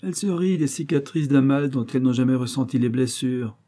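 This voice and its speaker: A man reading aloud, voicing a lovestruck young gentleman who speaks in an ardent, pedantic way. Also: medium pitch, moderate pace, slightly rough, lightly acted.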